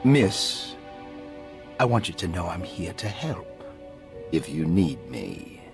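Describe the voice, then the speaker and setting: An actor playing a controlled, probing authority figure in a video game, measured and commanding, outwardly concerned. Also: male voice, sits low, huge pitch swings, creaky, over music, heavily acted. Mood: calming, patronising. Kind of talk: cinematic video game acting.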